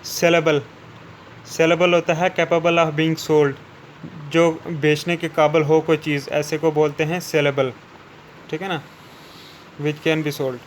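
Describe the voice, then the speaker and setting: A man with a fairly high, flat, even voice talks through word meanings as a vocabulary teacher. He often checks in with a quick "theek hai na" and slows down when he reads out the English definitions. A faint hum of air conditioning runs underneath. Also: low-quality recording. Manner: repeats "ठीक है ना" after each point, slows down for English definitions. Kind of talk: explaining word meanings in Hindi.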